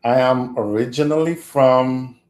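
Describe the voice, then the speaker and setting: A man from Haiti, a guest on a podcast interview, talking in a slow, reflective way and chuckling often. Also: mid-range voice, a little mellow, echoey room.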